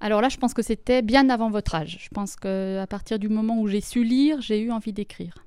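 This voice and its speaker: A woman writer answering children's interview questions, thoughtful and plain-spoken, pausing with small fillers. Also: mid-range voice, a little mellow, smooth, no room sound.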